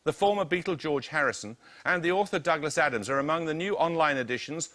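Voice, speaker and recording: Male quiz host, bright, precise delivery, reads questions crisply. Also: fairly high pitch, fast talker. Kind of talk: reading quiz questions and team introductions.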